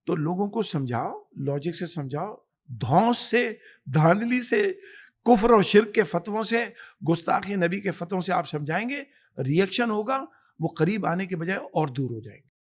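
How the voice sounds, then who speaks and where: Imam guy preaching in a podcast, a bit high-pitched, insistent and storytelling. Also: expressive. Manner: emphatic, storytelling, exhorting. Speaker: imam and guest scholar. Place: Canada.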